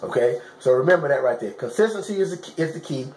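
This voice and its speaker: A man's voice: on the high side, animated, fast, darkish tone. A man giving casual motivational fitness advice to camera in colloquial, informal phrasing, emphatic and repetitive, often checking that listeners understand. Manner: emphatic, repetitive coaching with frequent check-in questions. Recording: roomy, echoing sound.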